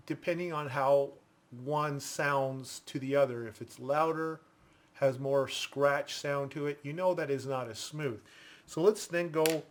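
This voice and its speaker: A man giving a casual product review in a deliberate, explanatory manner. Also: fairly high pitch.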